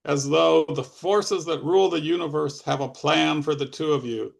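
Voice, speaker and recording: A man reading aloud as a strange, tremulous young man who talks about fate in a low, solemn tone. The voice is gravelly and grave, with a portentous hush. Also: normal speed. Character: mysterious tremulous tall odd young man.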